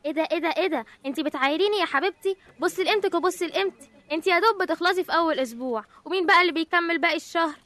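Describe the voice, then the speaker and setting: A woman's voice: very high voice, rapid-fire, few pauses, sharp tone. A woman with an Egyptian accent voicing a haughty, snobbish credit card who talks down to the others. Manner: condescending, taunting.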